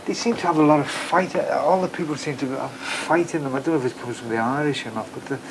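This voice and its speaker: A man with a Liverpool accent, chatting casually in an interview with halting fillers. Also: fairly high pitch, vocal fry, noisy background. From Liverpool, England. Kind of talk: casual reminiscing.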